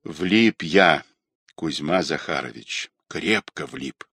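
A man's voice: mid-range voice, wildly swooping pitch, a little slow, fairly bright tone, no echo, voice pushed up, exaggerated voice. A man reading as a rueful young trader. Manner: confessional, self-pitying. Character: rueful guilt-ridden young male small-time trader.

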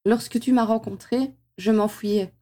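A woman voicing a fragile young woman who speaks hesitantly and haltingly in an audiobook. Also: a little high, fairly even intonation, mellow, lightly acted.

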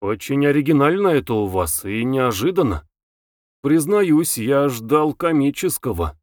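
A man's voice: mid-range voice, very animated, a little slow, darkish tone, dry recording, studio quality. A man voicing a polite young man who speaks hesitantly.

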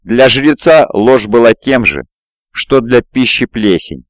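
A man narrating a fantasy audiobook in a steady, even reading. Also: medium pitch, takes it slowly, no echo, studio quality. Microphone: close mic, home recording.

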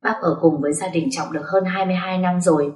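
A woman's voice: lowish voice, fairly even intonation, quick pace, a little mellow, recorded from a distance, close to an everyday voice. A woman voicing a kindly housekeeper in her late fifties with a homely way of talking. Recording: roomy echo.

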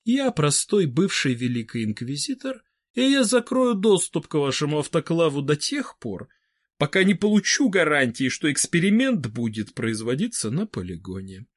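A man voicing a cold, indifferent former inquisitor who speaks flatly. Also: on the high side, moderate pace, no room sound, studio quality, voice pushed up. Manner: flat, indifferent.

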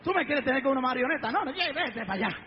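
A man's voice: very high-pitched, lively intonation, racing, dull audio, slight background noise. A male preacher voicing a bold young shepherd hero in a sermon story, speaking dismissively. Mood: defiant.

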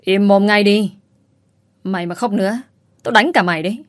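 A woman's voice: fairly low pitch, moderate pace, darkish tone, no echo, natural voice. A woman voicing a brutal, abusive ex-husband, coarse and threatening. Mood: snarling.

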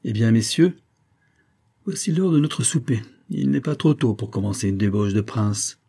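A man voicing an eager, friendly young lieutenant who talks warmly and impulsively. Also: lowish voice, expressive, moderate pace, creaky, husky, full character voice.

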